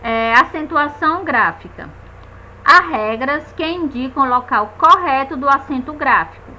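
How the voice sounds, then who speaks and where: A woman's voice: sits high, pushed and bright, a little hiss or hum, low-quality recording. A woman teaching a grammar lesson, patiently checking in with her students and stretching out the stressed syllables of example words.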